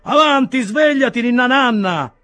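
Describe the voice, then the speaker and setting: A man's voice: extremely high pitch, lively intonation, moderate pace, sharp tone, pitched above the performer's own voice, exaggerated voice. A man voicing a tall, thin sedan-chair bearer who grumbles and mocks. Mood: mocking. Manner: grumbling, mocking.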